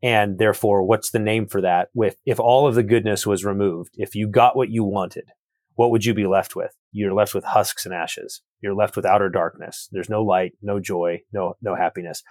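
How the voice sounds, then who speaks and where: A man's voice: lowish voice, steady tone, normal speed, darkish tone, no room sound, clean studio sound. A man, an author and guest, talking thoughtfully through theological ideas and often repeating words as he builds a point. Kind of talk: reflective theological conversation.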